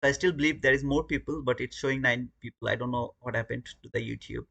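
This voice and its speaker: Fast and husky, with a gravelly, fairly bright medium-pitched voice and fairly even intonation, a Bangladeshi man hosts a live trading stream. He chats casually with viewers in Bangladeshi English, giving trading commentary and often repeating words.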